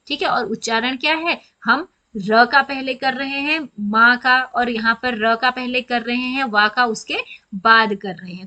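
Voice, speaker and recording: Bright-voiced woman teaching grammar. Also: a little high. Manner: patient and explanatory, asks questions and answers them herself. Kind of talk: classroom explanation.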